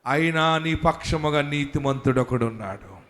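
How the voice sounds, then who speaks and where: A middle-aged man preaching from the pulpit in a high voice with a bright, forceful edge. He swings from quiet, confiding remarks to loud, emphatic exhortation and calls his listeners to shout back. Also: normal speed. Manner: calls on the congregation to shout hallelujah. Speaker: pastor. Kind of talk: sermon.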